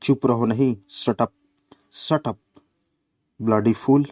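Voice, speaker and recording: A man's voice: mid-range voice, fairly even intonation, takes it slowly, mellow, no room sound, studio quality. A man reading a story voices a cheeky, spoiled little boy who teases and taunts in a singsong way. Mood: taunting.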